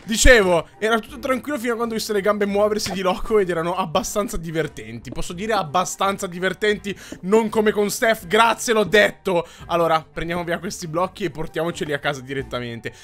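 A man in his thirties giving lively game commentary to his viewers, exclamatory and mock-exasperated. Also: high voice, fairly quick, hardly any pauses. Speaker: gaming YouTuber host.

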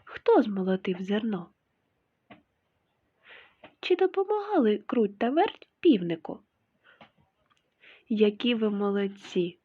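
Teacher lady reading a fairy tale to little kids, lively sing-song voice, kinda husky, tinny phone sound. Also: mid-range voice, slow pace, pauses often. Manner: expressive storytelling.

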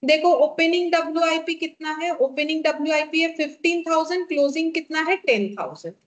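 A high-pitched Indian woman teaches a class step by step. She dictates numbers slowly and repeats them, posing questions and then answering them herself. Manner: slow, repetitive dictation of figures, asking and answering her own questions.

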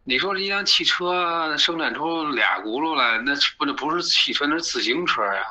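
A man's voice: a little high, animated, normal speed, sharp tone, rough recording. A middle-aged man, arguing animatedly as an interview guest and often asking "you know?". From China. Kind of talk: casual opinionated chat.

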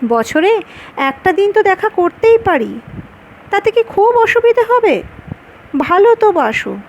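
A woman's voice: high voice, slight background noise, exaggerated voice, poor audio. Woman reading as a pleading, hot-tempered man. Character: grown man, earnest lover, quick to anger.

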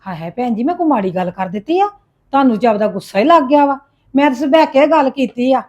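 A woman's voice: high-pitched, lively intonation, fast, a little mellow, muffled recording. A woman playing a visiting sister-in-law in a home-made family drama, coaxing and defensive as she argues over land. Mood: pleading. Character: pushy but placating aunt from the village.

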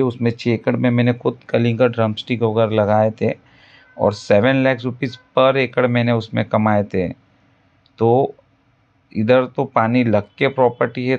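A male land broker talks over drone footage in a steady middle-pitched voice. His patter circles back again and again to the same selling points. The recording is dull and slightly lo-fi. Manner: pitchy, repetitive salesman patter. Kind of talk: property sales voice-over.

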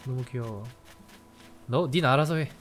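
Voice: medium pitch, moderate pace, soft background music. A game streamer chatting casually while playing, playful and teasing, cursing in jest and gushing over cute characters. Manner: playful, teasing, swears jokingly, gushes over cute things. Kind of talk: casual let's-play chat.

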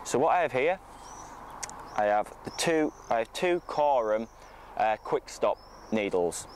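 A fishing coach speaks to camera from a lakeside bank in a mid-range, expressive voice, a little slow. His tutorial is informal and matter-of-fact, and outdoor ambient noise surrounds him.

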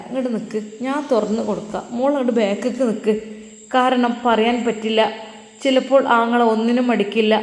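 A woman voicing an elderly, pious, protective mother who speaks in a soft, tender way. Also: a little high, natural voice. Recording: echoey roomy recording with long reverb.

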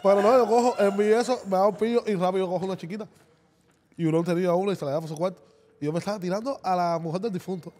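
A man's voice: sits high, very fast. A man, a musician guest on a casual podcast, telling a story and acting out the voices of the people in it. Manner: animated storyteller, acts out voices.

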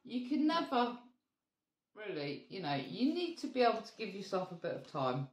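A woman's voice: medium pitch, big pitch swings, normal speed, roomy sound. A woman co-hosting a casual vlog, chatting with friendly asides. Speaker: vlog co-host. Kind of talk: casual chat.

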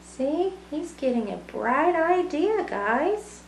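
A middle-aged woman reads a rhyming picture book in a singsong way to young children, slipping in small explanatory asides. Her voice sits high and sounds gravelly, with big pitch swings and a slow pace. She's an early childhood education student, recorded at home in a small brick-walled room that sounds roomy and echoing, with slight background noise.

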